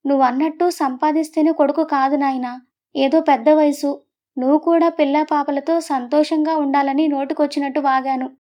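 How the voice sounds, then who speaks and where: A woman's voice: high voice, fairly even intonation, moderate pace, warm tone, natural voice. A woman voicing a distraught middle-aged mother who scolds and tearfully pleads with her grown son. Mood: tearful pleading.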